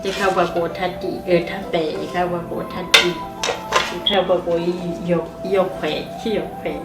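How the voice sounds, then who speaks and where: A woman speaks casually and haltingly, stopping and restarting often. Her voice is low and flat, picked up from a distance in a roomy, echoing space. Music runs underneath. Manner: halting, with many fillers and restarts. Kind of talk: casual explanation.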